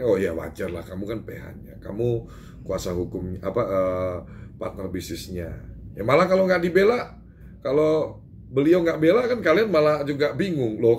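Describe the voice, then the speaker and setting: A man from Indonesia giving an animated, emphatic statement to reporters, full of fillers and restarts. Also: mid-range voice, normal speed, slight background noise. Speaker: public figure giving a press statement. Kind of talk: doorstop interview with reporters.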